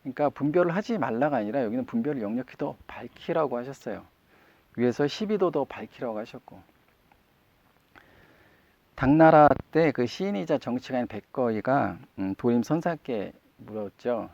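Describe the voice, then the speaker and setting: A male minister delivers a sermon in a relaxed, conversational way, putting questions to his listeners. His voice has a gravelly, creaky edge. The recording is dry and a little muffled. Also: mid-range voice, normal speed, dry recording. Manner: conversational, asks the congregation questions. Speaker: Won Buddhist minister.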